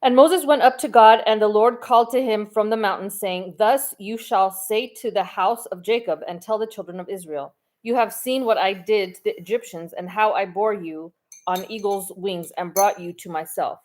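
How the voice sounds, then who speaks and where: A woman reading the Bible aloud at a steady, careful pace, with small stumbles now and then. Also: medium pitch, normal speed. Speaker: scripture reader.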